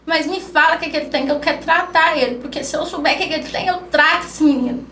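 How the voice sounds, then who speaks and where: A woman guest on a podcast telling an emotional personal story, acting out the dialogue in soft-spoken speech. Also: high voice, quick pace. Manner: acts out quoted dialogue, speaks softly. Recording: roomy, distant mic with faint noise.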